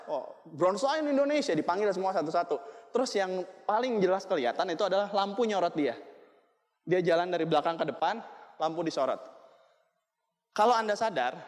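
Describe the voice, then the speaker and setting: High-voiced man speaking to a hall. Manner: lively, jokey, asks the crowd questions. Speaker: motivational speaker at a business seminar. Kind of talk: seminar talk to an audience. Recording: long hall reverb.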